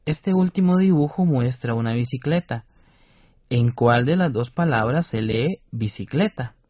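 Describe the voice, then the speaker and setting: Husky man presenting a radio reading lesson. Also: mid-range voice, lively intonation, unhurried, no echo. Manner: careful, explanatory, over-articulated syllables. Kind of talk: scripted educational radio lesson. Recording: dull dry studio radio recording.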